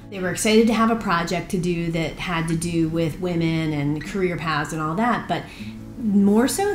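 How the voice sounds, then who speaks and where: Earnest woman speaking in a roomy space. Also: fairly low pitch. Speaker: founder of a women's book project. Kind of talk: reflective interview talk. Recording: roomy with music behind.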